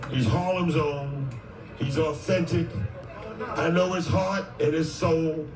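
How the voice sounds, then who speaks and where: A man with a somewhat high voice speaks proudly and emphatically. He is heard from a distance in a reverberant space. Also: steady tone, takes it slowly, crowd noise. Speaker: party official. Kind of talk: archival soundbite.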